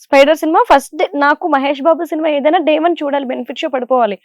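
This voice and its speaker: A young television serial actress with a Godavari Telugu accent gives casual interview answers, chatty and animated with frequent fillers. Her voice sits high and moves very fast, in a dry, studio-quality recording.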